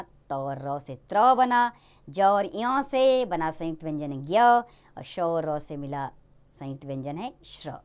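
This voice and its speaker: A woman teaching a Hindi grammar lesson to young children in a lively, sing-song way. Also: lowish voice, clear, resonant tone.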